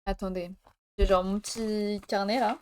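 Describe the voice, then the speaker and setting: A woman's voice: medium pitch, steady tone, normal speed, a little hiss or hum. A young woman live-streaming from France, chatting casually with viewers and laughing while she jokes in mock Spanish.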